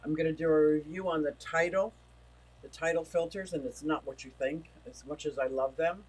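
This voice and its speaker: Chatting from home on a casual livestream, this host rambles and reads his chat messages out loud while feeling his voice start to go. He speaks with a steady tone at a moderate pace, his voice a little high, and the recording quality is low.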